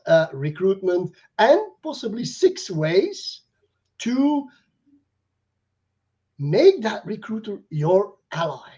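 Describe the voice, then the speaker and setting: Male live-chat host, lively pitch, casual with fillers, dull lo-fi computer-mic sound. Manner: chatty, with frequent fillers and restarts.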